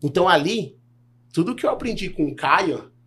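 A man's voice: high voice, moderate pace. A man in his thirties, a health insurance broker and podcast guest, telling a sales story in casual chat and acting out the dialogue. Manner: animated, acts out dialogue while telling a story.

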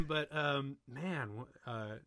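A man co-hosting a podcast, chatting casually about a movie in an excitable, rambling way with plenty of swearing. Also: a little high, extremely slow, crowd noise. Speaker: podcast co-host. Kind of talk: casual movie commentary chat.

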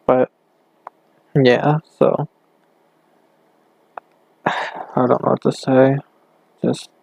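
A young man rambling hesitantly on his own podcast, talking low in his bedroom with a hand cupped over the mic. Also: level tone, drawn-out words, creaky, a little mellow, no room sound. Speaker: podcast host. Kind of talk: casual solo podcast. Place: bedroom at home.

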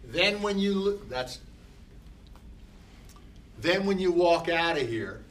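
A man teaching a class, slow and emphatic, often talking back to himself in quoted dialogue. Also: high-pitched, animated, a bit bright. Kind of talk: classroom talk. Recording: noisy room, voice from a distance.

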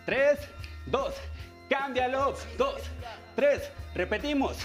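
A man's voice: very high voice, expressive, slow. A man with a Mexican Spanish accent leading a dance workout class, counting the beats aloud and cheering his viewers on. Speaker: aerobics instructor. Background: workout music.

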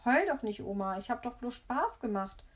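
A woman's voice: fairly high pitch, sing-song, normal speed, voice pushed up. Woman doing a cheeky jeering little boy. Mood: sheepish. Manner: taunting, sing-song jeering.

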